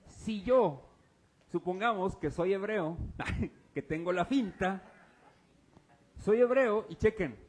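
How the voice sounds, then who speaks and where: A man preaching a sermon as pastor, firing casual, teasing questions at his congregation during a church service. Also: high voice. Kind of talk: interactive sermon.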